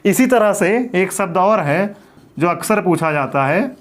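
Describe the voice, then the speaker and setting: A man with a high-pitched voice gives a grammar lecture. He keeps asking rhetorical questions and answering them himself. He repeats each rule patiently, like a classroom teacher. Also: lively intonation, a little slow.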